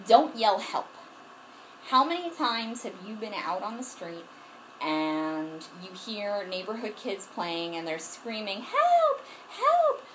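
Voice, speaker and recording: A woman's voice: medium pitch, fairly bright tone, a little hiss or hum, low-quality recording. Earnest woman giving self-defense tips. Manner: earnest, frank, with frequent restarts and asides. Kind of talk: casual instructional talk to camera. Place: at home, moving around in front of the camera. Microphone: camera mic, distance changing as she moves.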